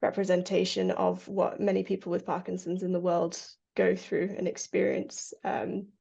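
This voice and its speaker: Earnest woman researcher, gravelly voice. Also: fairly low pitch, flat delivery, normal speed, dark tone. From Kenya. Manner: earnest, many fillers and restarts, laughs often. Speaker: Parkinson's researcher. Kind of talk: interview answers. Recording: lo-fi audio.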